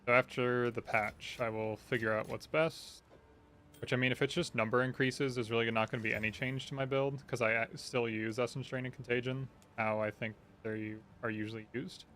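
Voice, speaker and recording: Male streamer, mid-pitched, casual gameplay commentary, noticeable background noise. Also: steady tone, normal speed, sharp tone. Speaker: game streamer. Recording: clearly noisy game ambience behind.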